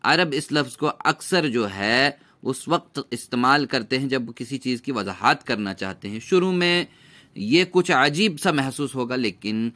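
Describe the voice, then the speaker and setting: A man teaching a recitation lesson, drawing out sounds slowly for students to repeat after him. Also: medium pitch, pushed and bright. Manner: patient, drawn-out demonstration of sounds.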